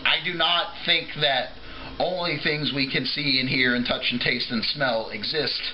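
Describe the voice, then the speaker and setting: A man with a very bright, forceful voice rants off the cuff like a tipsy video blogger. He rambles, breaks off, restarts and swears freely. There is a faint layer of background noise on the recording. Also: medium pitch, fairly even intonation, moderate pace, poor audio. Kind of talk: rambling off-the-cuff opinion rant to camera.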